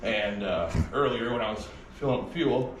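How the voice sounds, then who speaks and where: A man's voice: mid-range voice, normal speed. A man casually tells a rambling, profane story about a police visit and acts out what people said. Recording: roomy, distant, noisy video clip.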